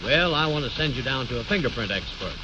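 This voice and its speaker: A man's voice: mid-range voice, expressive, natural voice. Man playing a formal, businesslike lawyer. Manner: precise, formal, measured diction. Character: courteous, businesslike professional lawyer, calm and formal. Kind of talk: 1930s-40s radio comedy acting. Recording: muffled, noisy old radio recording.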